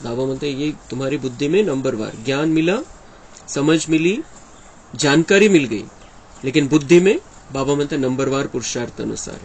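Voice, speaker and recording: A man's voice: mid-range voice, lively intonation, normal speed, slight background noise, rough recording. A man giving an earnest devotional discourse, explaining and often quoting his teacher. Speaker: spiritual speaker explaining a daily discourse.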